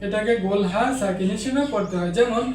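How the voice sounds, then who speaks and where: A man teaching an online Quran reading lesson, explaining each rule and then chanting Arabic examples in a slow, drawn-out recitation. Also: high-pitched, darkish tone, distant mic. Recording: echoey, off-mic room sound.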